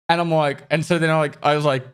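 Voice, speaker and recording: Australian guy on a livestream headset mic, laid-back streamer voice, halting and easygoing. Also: a little high, smooth. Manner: relaxed, trailing off with hesitations while thanking viewers. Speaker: gaming streamer. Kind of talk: casual livestream chat while gaming.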